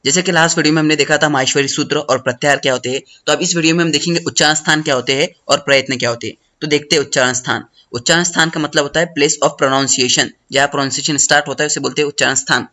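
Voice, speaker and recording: A man teaching a study lesson, talking fast and repeating a check-in phrase after each point. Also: fairly high pitch, fairly even intonation, sharp tone. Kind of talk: study lesson explaining notes.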